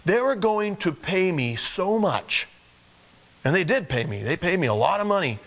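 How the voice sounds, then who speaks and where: Animated storytelling male preacher. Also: high voice, moderate pace. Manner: animated storytelling, acts out voices. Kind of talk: sermon.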